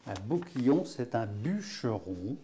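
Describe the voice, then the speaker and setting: A man's voice: mid-range voice, sing-song, unhurried, dark tone, a little hiss or hum. A man with a Picard accent teaching patois words in a folksy, chatty way, full of fillers and chuckles. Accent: Picard (Hainaut). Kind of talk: casual spoken lesson.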